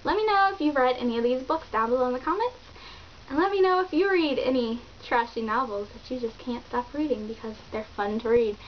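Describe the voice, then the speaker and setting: A woman with a high voice chats through her book reviews, animated and exclamatory. The recording sounds dull and lo-fi, with a faint hiss underneath. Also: brisk. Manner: animated, exclamatory and chatty, with many fillers. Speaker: book vlogger. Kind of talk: casual book review chat.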